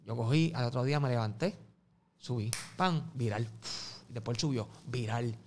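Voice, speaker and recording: A man with a Puerto Rican Spanish accent, a guest telling animated stories in an interview and acting out the voices of the people in them. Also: mid-range voice, normal speed, a little hiss or hum. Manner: acts out quoted voices, swings loud and soft. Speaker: music promoter and guest.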